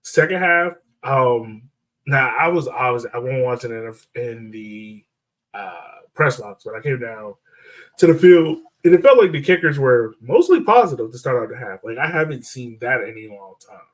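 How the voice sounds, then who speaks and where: Here a man with an animated, mid-range voice speaks at a moderate pace, a bit away from the microphone. He's the playful host of a laid-back soccer podcast, joking and laughing frequently through casual sports chat.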